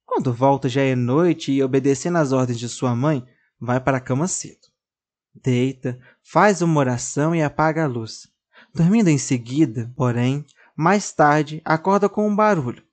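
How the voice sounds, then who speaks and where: Narrador brasileiro de história infantil. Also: medium pitch. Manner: leitura expressiva e pausada.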